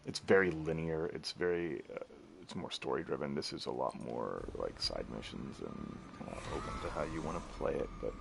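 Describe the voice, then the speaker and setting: Gravelly low-voiced man rambling over gameplay. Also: expressive, normal speed, background noise. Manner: rambling, laughs often. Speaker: streamer. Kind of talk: casual gameplay commentary.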